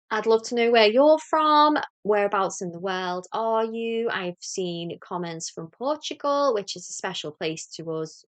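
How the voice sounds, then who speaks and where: A woman's voice: medium pitch, a bit bright. A woman from Liverpool with a Scouse accent, hosting a knitting podcast in a chatty, rambling, self-deprecating way. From Liverpool, England. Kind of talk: casual chat to camera.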